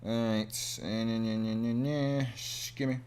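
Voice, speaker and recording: Slow and a little mellow, with a mid-range voice and fairly even intonation, an indie game developer and animator chats casually while he draws on stream. He thinks aloud, mutters to himself, and exclaims self-deprecatingly. There's slight background noise.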